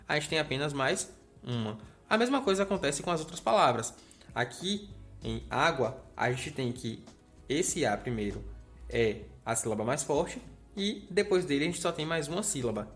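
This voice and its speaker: Man teaching, higher-pitched voice. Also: fairly bright tone. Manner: explanatory, checks in with the viewer. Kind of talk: grammar lesson.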